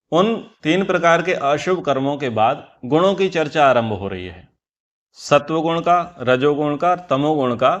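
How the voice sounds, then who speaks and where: A man leads a scripture class with an earnest, explanatory delivery. He repeats key phrases to drive points home, and his voice sits a little high for a man. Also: muffled recording. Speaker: Vedic teacher.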